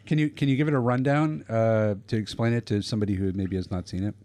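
A man's voice: fairly low pitch, fairly even intonation, fast, darkish tone. A man co-hosting a casual talk podcast, joking and opinionated, laughing often. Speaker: podcast co-host. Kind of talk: casual chat.

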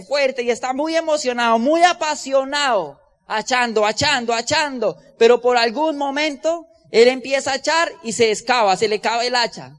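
A man giving an emphatic motivational convention speech, telling stories and building up his points slowly. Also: very high-pitched, fairly bright tone, in a large hall. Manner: preachy, storytelling, emphatic slow build-ups. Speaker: motivational business speaker. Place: large convention hall.

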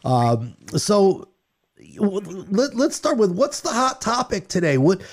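A middle-aged man interviews a guest in a loose, friendly conversation. He laughs easily and jokes about his own mistakes. His voice sits a little high for a man. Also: takes it slowly. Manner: laughs often, animated and self-deprecating. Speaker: podcast host. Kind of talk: casual interview.

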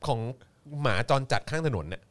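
A man's voice: moderate pace, fairly bright tone. A man co-hosting a casual political talk show, sarcastic and swearing freely as he mocks the news. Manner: sarcastic, swears freely, laughs while mocking. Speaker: podcast co-host. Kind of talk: casual political commentary chat.

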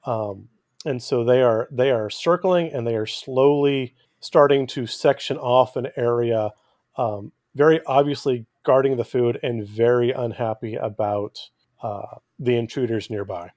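A man's voice: medium pitch, unhurried, darkish tone, no room sound, clean studio sound. A man running a tabletop game, narrating and refereeing in an explanatory way with hesitant phrasing. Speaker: game master.

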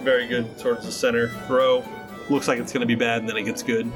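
A man's voice: mid-range voice, little pitch movement, quick pace. A man running a tabletop game as game master, narrating casually. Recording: music behind the voice.

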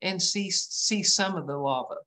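A woman from West Texas with a West Texas twang, chatting as a guest on a video call in a halting, self-deprecating way. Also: fairly low pitch, pushed and bright. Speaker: guest artist, painter. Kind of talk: casual interview chat over video call.

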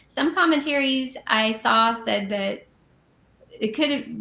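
A woman co-hosting a conversational Bible study podcast. She reads scripture aloud and then unpacks it in a relaxed, chatty way, with fillers and quick self-corrections. Her voice has a gravelly edge, and the room gives it a noticeable echo. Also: mid-range voice, a little hiss or hum. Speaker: podcast co-host. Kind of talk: casual Bible study reading and commentary.

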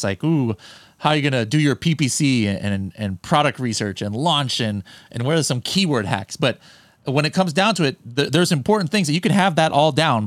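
A man's voice: mid-range voice, dry recording. An American man hosting a podcast from his home studio, chatting casually with many restarts. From United States. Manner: relaxed, rambling with many restarts. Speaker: podcast host. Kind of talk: casual interview chat.

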